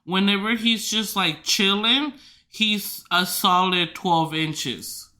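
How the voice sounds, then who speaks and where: A woman's voice: mid-range voice, takes it slowly, pushed and bright. A young woman hosting a podcast in casual chat, rambling with lots of fillers and small laughs. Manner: rambling, filler-heavy, giggly asides. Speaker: podcast host.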